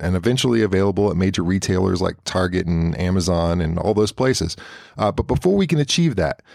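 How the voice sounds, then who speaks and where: A man's voice: lowish voice, gravelly, a little mellow, no echo, studio quality. A man hosting a podcast, reading an intro and promotion in an earnest, upbeat way. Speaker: podcast host. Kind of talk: scripted podcast intro and sponsor read.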